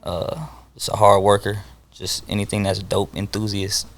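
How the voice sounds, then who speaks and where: A young man from Hawaii, a guest rapper in a casual interview, laid-back and quick to laugh. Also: lowish voice, level tone.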